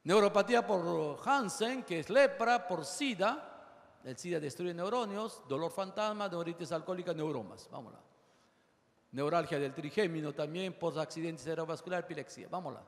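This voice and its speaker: Man, medical lecture, fairly high voice, animated list-driven delivery, long reverb. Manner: animated, rapid lists, acts out patients. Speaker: surgeon lecturing medical students.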